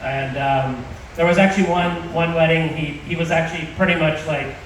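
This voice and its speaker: A man giving an informal wedding toast as the groom, speaking haltingly to his guests. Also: a little high, steady tone. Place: large reverberant venue with guests. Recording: echoey hall from far off, noisy crowd.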